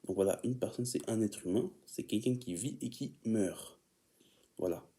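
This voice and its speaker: A man's voice: fairly low pitch, normal speed, mellow. A man preaching an informal teaching sermon, often stumbling and repeating words as he reads definitions aloud and calls his listeners beloved.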